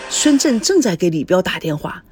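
A woman reading a dramatic family story aloud, voicing every character herself and shouting in the angry scenes. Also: lowish voice, very animated, moderate pace, music in the background.

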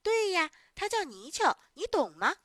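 A woman's voice: extremely high pitch, very animated, moderate pace, a bit bright, no room sound, pitched above the performer's own voice, heavily acted. A woman voicing a group of village children chanting teasing rhymes in a storybook. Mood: taunting. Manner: taunting, sing-song chanting.

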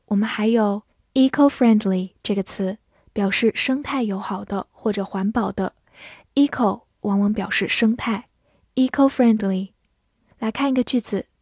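Slow, dry-voiced woman teaching English words. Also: mid-range voice, dark tone, no echo. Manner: spells words letter by letter and reads example sentences slowly. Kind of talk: vocabulary lesson.

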